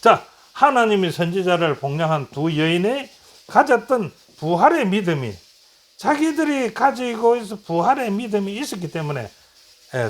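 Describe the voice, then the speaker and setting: A middle-aged man with a high-pitched voice teaches a Bible lesson, retelling its stories and acting out the quoted lines. He poses questions and then answers them himself.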